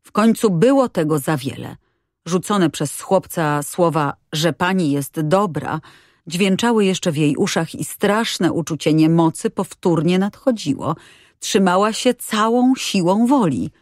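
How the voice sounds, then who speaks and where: A woman narrating a children's novel audiobook in a calm, measured reading. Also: on the low side, dry recording, studio quality. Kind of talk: scripted narration.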